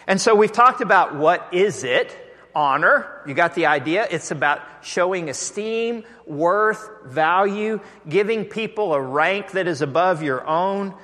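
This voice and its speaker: Pastor, male, Texan accent, high bright voice, emphatic sermon delivery in a reverberant church. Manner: emphatic, asks the congregation to repeat lines. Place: church sanctuary. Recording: long reverb of a church hall.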